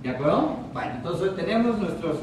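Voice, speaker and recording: A man with a Mexican Spanish accent giving a psychoeducation lecture as a psychiatrist, questioning the audience and repeating key terms slowly. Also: high voice, very animated, background noise. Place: hospital lecture room. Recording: very echoey room from far off.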